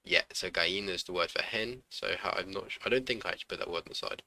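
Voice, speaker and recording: Male learner host, casual, self-correcting, low-ish pitch, very bright tone. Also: fairly quick. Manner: thinking aloud, self-correcting. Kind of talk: casual lesson commentary.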